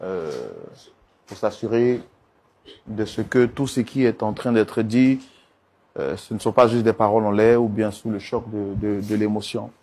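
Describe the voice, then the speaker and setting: A man hosting and mediating a couple's dispute, coaxing and calming them with polite, repeated requests. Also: lowish voice, measured pace. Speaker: host and mediator. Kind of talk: talk show mediation.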